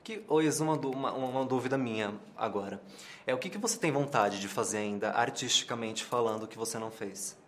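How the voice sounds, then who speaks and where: Fast-talking man hosting an interview. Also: medium pitch, slight background noise. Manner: quick, chatty, hesitant restarts. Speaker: interview host. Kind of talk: casual interview chat.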